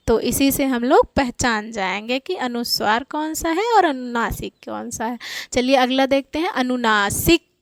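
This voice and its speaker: A woman giving a Hindi lesson, slowly drawing out each example word for the listener to repeat. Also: sits high, no echo, clean studio sound. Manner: drawn-out, slow enunciation of example words. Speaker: Hindi teacher. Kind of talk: teaching children's Hindi lesson.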